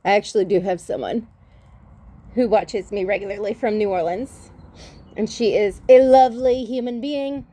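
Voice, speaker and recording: Into a phone, a tarot reader talks in a warm, chatty, rambling way as she gets her livestream reading ready. She speaks at normal speed with a medium-pitched, mellow voice.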